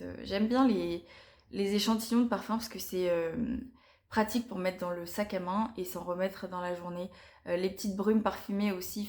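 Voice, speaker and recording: A young woman reviewing beauty products to camera in a casual, chatty way, often pausing and restarting her sentences. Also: fairly low pitch. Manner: chatty and hesitant, frequent pauses and restarts. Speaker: beauty vlogger.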